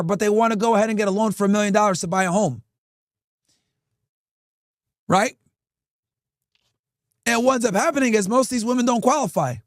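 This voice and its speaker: A man's voice: sits high, no echo, studio quality. A podcast host, a man, delivering crude, profane, preachy commentary and speaking straight to his chat. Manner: addresses chat directly. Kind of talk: ranting commentary.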